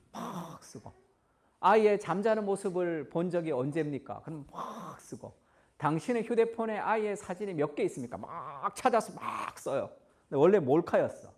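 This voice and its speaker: A man preaching a Sunday sermon in a high, lively voice that swings widely in pitch. He moves between scripture quotes and anecdotes, briefly playing the people in his stories. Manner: animated storytelling, acting out quoted voices. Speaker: pastor.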